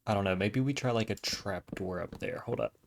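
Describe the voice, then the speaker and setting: Faint background music plays while a man who hosts a gaming channel casually narrates his video game building, musing to himself. Allergies leave his fairly low voice a bit raspy, and he talks fairly quickly.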